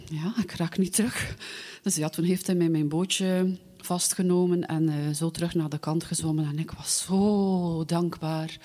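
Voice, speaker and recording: A woman with a Flemish accent telling a personal story aloud, lively but with frequent hesitations and fillers. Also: fairly low pitch, measured pace. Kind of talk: personal anecdote told aloud.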